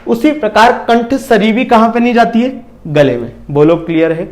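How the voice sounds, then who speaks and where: Brief: high-pitched male tutor, exam-prep lecture, keeps asking and answering his own questions. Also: lively intonation, normal speed, a little mellow. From India. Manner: repeats questions and answers them himself, keeps asking if it is clear. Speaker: teacher.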